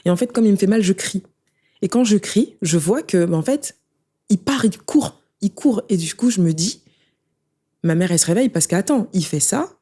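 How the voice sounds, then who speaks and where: A woman's voice: medium pitch, expressive, dark tone, breathy edge. A young woman telling her own story in an interview, emotional and conversational, often turning to the listener. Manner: rapid, emotional, conversational, addresses listener with "tu vois". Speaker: guest sharing her life story. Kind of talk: casual spoken testimony.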